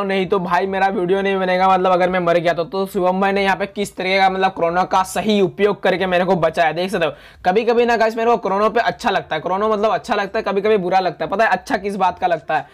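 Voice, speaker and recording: A young man talks over his gameplay footage in a high, animated voice, chatty and quick to complain with mock drama. He sounds close to a desktop mic at home. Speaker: gaming YouTuber.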